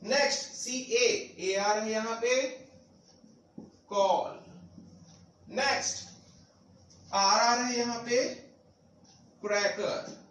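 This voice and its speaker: Guy teaching phonics off slides, spells out letters real slow, mixes english into hindi, sounds far off in an echoey room. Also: very high-pitched, steady tone, fairly bright tone, a little hiss or hum. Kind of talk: slide-based phonics lesson.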